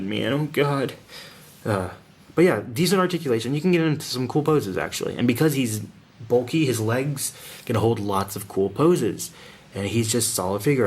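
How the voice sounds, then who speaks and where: A man giving a casual hands-on toy review in an informal, slangy, enthusiastic manner. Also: on the low side.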